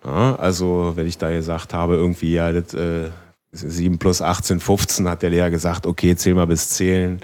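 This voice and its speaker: A man's voice: low voice, monotone, normal speed, a little mellow. A man from West Berlin, a band member chatting in a rambling way with many fillers during an interview. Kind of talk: casual interview chat.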